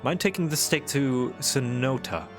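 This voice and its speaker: A man's voice: mid-range voice, measured pace, music in the background, close to an everyday voice. A man voicing courteous, weary fantasy knights and camp folk, reading game dialogue in formal, old-fashioned phrasing. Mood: earnest, formal. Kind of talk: read-aloud game dialogue.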